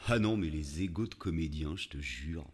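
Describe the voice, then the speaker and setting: A man's voice: very deep voice, normal speed, darkish tone, slightly rough. Man playing a pompous, echoey French dubbing coach. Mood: boastful, aggrieved. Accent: French from France. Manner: bragging, jokey, interrupting. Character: pompous, boastful, mocking male dubbing coach. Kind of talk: comic audio fiction. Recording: long reverberant echo.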